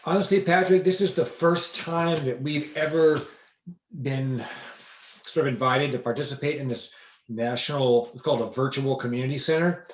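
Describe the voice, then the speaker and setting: Guy on zoom, kinda hesitant, lots of ums, echoey room and muffled sound. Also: mid-range voice. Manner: measured, hesitant explanations with fillers. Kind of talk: casual Zoom conversation. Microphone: computer mic on video call. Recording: dull, roomy video-call audio.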